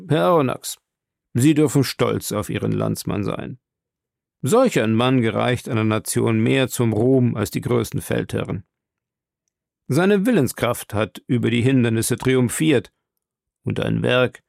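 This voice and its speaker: A man reading Captain Nemo, gravelly and calm. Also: mid-range voice, no echo, clean studio sound. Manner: calm, measured and commanding. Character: stern, proud male submarine captain. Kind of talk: audiobook role reading.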